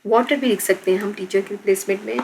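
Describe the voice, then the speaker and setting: A woman's voice: mid-range voice, steady tone, fast, creaky, darkish tone, slight background noise. A woman teacher with a Pakistani accent explaining an English lesson in Urdu, repeating words and spelling them out letter by letter.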